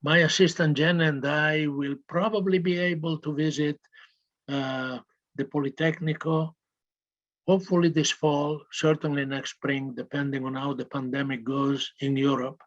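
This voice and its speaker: A man presenting a university program in a webinar, measured and formal. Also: on the high side, little pitch movement. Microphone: video call. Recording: dull video-call audio.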